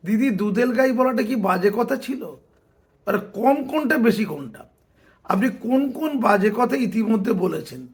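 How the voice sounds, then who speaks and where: Sarcastic commentator, gravelly and high. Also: male voice. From West Bengal. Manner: sarcastic, argumentative, mocking asides. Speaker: political commentator. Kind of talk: opinion commentary.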